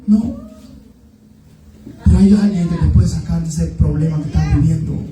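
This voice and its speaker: A man's voice: a little high, normal speed, dark tone. A man preaching a sermon with fervent, repetitive exhortation. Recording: echoey room, distant mic, faint music.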